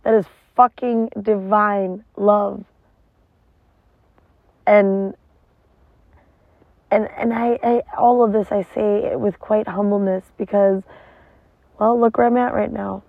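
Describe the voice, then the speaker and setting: A woman gives a casual, emotional confessional from inside a parked car. She rambles slowly and swears often, with little rise and fall in her voice. The sound is thin and phone-like. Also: medium pitch, steady tone, vocal fry, no room sound. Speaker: vlogger.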